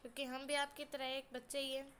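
A ninth-grade schoolgirl hosting a beginner's language lesson, sounding out each letter and syllable slowly for learners. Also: high-pitched, flat delivery, pushed and bright, a little hiss or hum. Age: teenager, ninth-grade student. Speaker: channel host teaching Hindi letters. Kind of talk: spelling out words syllable by syllable for learners.

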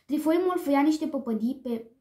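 A woman reading a children's storybook aloud in a lively, expressive way. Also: high-pitched. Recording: echoey room.

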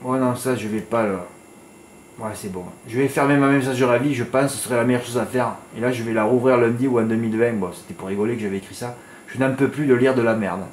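A man's voice: medium pitch, fairly even intonation, fast talker, roomy sound, slight background noise. A man giving horse racing tips to his viewers in a casual monologue, chatty and peppered with little tag words, flaring into exasperated rants. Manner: chatty, peppered with "hein", flares into exasperated ranting.

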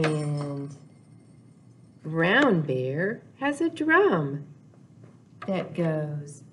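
Heavy background noise surrounds this older woman's slightly high voice as she hosts a children's storytime. She sits in front of a wall in a small room, chatting and reading aloud with brief, simple lines and playful sound words.

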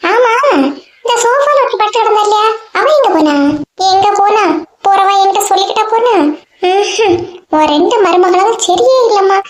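A woman's voice: very high-pitched, roomy sound. A woman with a Kanyakumari Tamil accent voicing chatty, scolding village women in a cartoon story. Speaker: cartoon voice artist.

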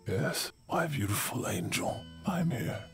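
A man voicing a grieving king fearing for his dying daughter, in a rough, emotional delivery. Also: medium pitch, very animated, unhurried. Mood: anguished. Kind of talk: audio drama acting. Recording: music bed underneath.

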